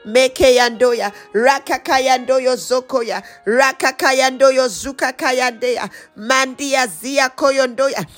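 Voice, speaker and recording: Woman prayer leader, high voice, fervent slow declarations in tongues over faint music. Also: steady tone. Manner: slow, rhythmic, repeated declarations.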